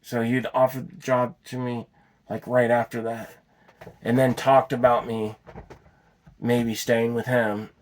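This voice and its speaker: Average-pitched man, off-the-cuff storyteller, loose and rambling with some cursing. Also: level tone, unhurried. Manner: rambling, with restarts and swearing. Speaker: vlogger telling his story. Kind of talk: unscripted personal storytelling.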